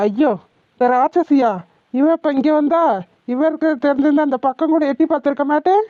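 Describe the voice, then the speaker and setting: A woman's voice: high-pitched, a little fast, no echo, narrow, tinny audio, voice pushed down, natural voice. A woman voicing an exasperated young village man in a cartoon, complaining to his grandmother. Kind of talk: cartoon voice acting.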